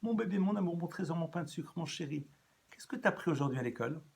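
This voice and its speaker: A man's voice: a little high, lively intonation, quick pace, gravelly, slightly rough, heavily acted. A man voicing a doting mother with a Tunisian accent, gushing endearments over her small son.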